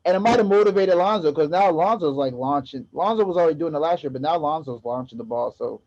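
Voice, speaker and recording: Excitable male podcast host, mellow voice. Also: fairly high pitch, fast talker. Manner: excitable, gets loud. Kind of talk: casual basketball chat. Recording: dull lo-fi audio.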